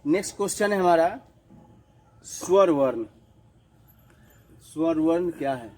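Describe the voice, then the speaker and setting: A man's voice: on the high side, lively intonation, a little mellow, poor audio. Patient male teacher repeating each point. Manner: repeats each definition slowly, asks and answers his own questions; mixes in English words. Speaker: school teacher. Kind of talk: classroom grammar lesson.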